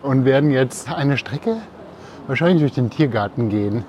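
A man's voice: fairly high pitch, darkish tone. A man co-hosting a podcast, explaining things casually while walking outdoors. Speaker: podcast co-host. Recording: faint outdoor ambient noise. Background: faint outdoor ambience.

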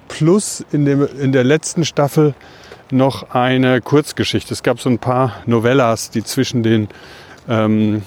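A man's voice: medium pitch, a little mellow. A man co-hosting a casual podcast, talking as he walks outdoors through the city. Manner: talking while walking outdoors. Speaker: podcast co-host. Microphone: wireless transmitter mic. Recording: faint urban street noise.

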